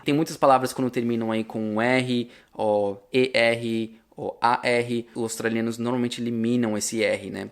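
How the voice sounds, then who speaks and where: A man with a Brazilian Portuguese accent, chatting casually as a vlogger and repeating sample words slowly to explain them. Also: mid-range voice. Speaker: vlogger teaching English.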